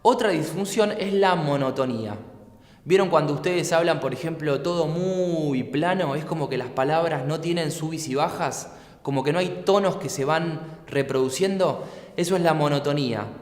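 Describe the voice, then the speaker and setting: A man with an Argentine accent teaching a lesson, explaining clearly and patiently and asking rhetorical questions. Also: on the high side, normal speed. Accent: Argentine Spanish. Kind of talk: explanatory lecture. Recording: echoey room with long reverb.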